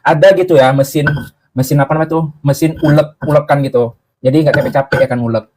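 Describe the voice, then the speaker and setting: A man talks casually as he cooks on a live stream from a boarding-house room. His voice sits a bit high, and he stays chatty and joking while answering comments. He is a little out of breath from grinding spices. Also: fairly even intonation, fast talker, darkish tone. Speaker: live-stream cooking host. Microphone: clip-on mic.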